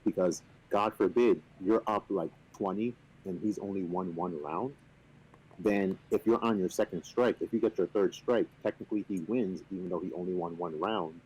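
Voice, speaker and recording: A man on a video call casually explaining a game, relaxed and playfully boastful, with lots of fillers. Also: low voice, normal speed, slight background noise, poor audio. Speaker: company representative teaching the game. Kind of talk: casual chat on a stream.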